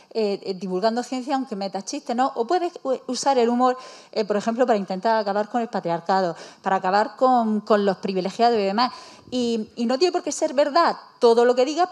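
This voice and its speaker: Woman comedian, panelist, insistent explainer, higher voice. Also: darkish tone. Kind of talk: panel discussion.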